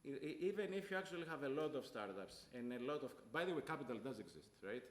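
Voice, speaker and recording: A man's voice: mid-range voice, lively intonation, quick pace, reverberant. A man from Greece speaking as a panelist, earnest and repeating points for emphasis. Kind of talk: panel discussion.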